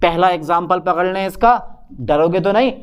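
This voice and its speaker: Standing at a whiteboard, this young man teaches chemistry in a high, clean-toned voice at a moderate pace, talking to students and then replying to his own questions as if he were one of them.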